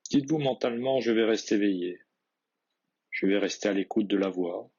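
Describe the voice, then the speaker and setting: A man guiding a yoga nidra relaxation, reading measured instructions in a husky voice with soft phrase endings. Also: fairly low pitch, muffled recording. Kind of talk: guided relaxation meditation, read instructions.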